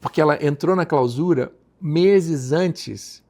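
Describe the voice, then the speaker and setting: A Brazilian man with a Brazilian Portuguese accent tells an earnest, devout story as a podcast guest. His voice is gravelly and warm, set a little high for a man. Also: slow pace. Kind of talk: personal storytelling in a podcast conversation.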